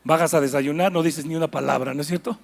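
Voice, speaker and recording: A man's voice: a little high, steady tone, quick pace, creaky. A man preaching a sermon, telling stories with animation and asking the listeners questions.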